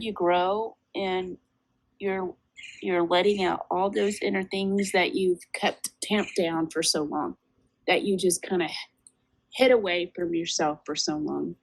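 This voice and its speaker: A woman's voice: mid-range voice, steady tone, a little slow, rough recording. A woman co-hosting a casual spiritual podcast, talking in a reflective, meandering way, a little lispy from a retainer. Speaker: podcast co-host.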